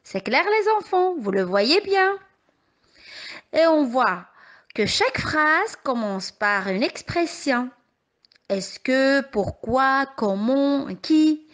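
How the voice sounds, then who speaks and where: A young woman teacher explaining a grammar lesson to young children, patient and carefully articulated, with clearly rising questions. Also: high voice, big pitch swings, takes it slowly, a bit bright. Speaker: primary school teacher.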